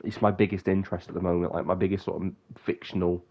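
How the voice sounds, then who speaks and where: A young man streams live, rambling quickly in a low-pitched, level voice that's congested and sniffly. The recording lacks high frequencies, and he often stops himself mid-sentence.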